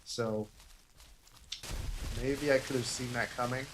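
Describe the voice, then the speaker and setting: A man's voice: medium pitch, fairly even intonation, takes it slowly, background noise. A young man casually commentating his own livestream, self-deprecating and rambling, muttering to himself. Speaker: gaming livestreamer.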